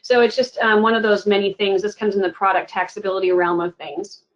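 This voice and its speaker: A woman's voice: medium pitch, steady tone, fairly quick, highs cut off. A woman giving a webinar presentation in a conversational way, with frequent "you know" and "um".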